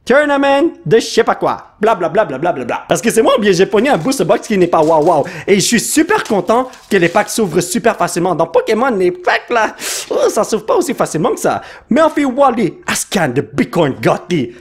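A man, giving excitable, casual commentary while opening trading cards, reading out card names and dropping English exclamations. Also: high-pitched, brisk, hardly any pauses, breathy edge.

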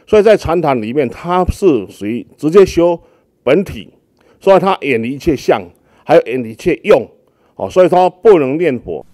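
Man, abbot, interview, gentle teaching tone, long fillers, dry close sound. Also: fairly high pitch, sing-song, normal speed, no room sound. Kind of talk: explaining Buddhist practice in an interview.

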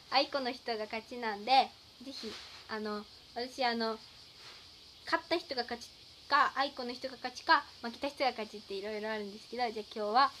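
A teenage girl hosting a casual live stream, her voice high and bright as she chats playfully and calls out names. A faint hiss sits under the recording. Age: teens. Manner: chatty, reads out fan names, playful. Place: indoors at home.

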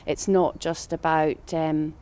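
A woman in her forties talks earnestly in an outdoor interview, her voice low, mellow and fairly flat. She leans on fillers and repeats words as she explains. She sounds like she has a clip-on mic in the open air. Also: slow, clean tone. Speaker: monitor farm facilitator. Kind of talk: interview answers. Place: outdoors on a farm.

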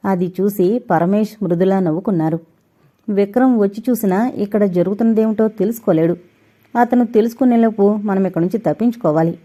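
Dark-toned woman narrating a story. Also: mid-range voice. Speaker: audio novel narrator.

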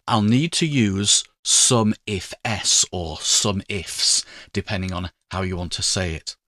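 A man walks through each step of a tutorial slowly and methodically. His voice sits on the lower side, and the recording is close and dry, with no room sound. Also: a bit bright, no echo. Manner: measured, step-by-step explaining. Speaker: spreadsheet tutor. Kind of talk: screen-recorded tutorial narration.

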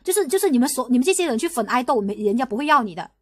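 A young woman from Guangdong holds forth on her livestream in quick, tumbling bursts. She argues insistently, restarting sentences and hammering the same rhetorical questions again and again. Her voice sits high, and the close, dry sound leaves no room echo. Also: big pitch swings. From Guangdong, China. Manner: rapid, repetitive, argumentative, lots of restarts and rhetorical questions. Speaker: livestream host. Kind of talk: casual livestream commentary.

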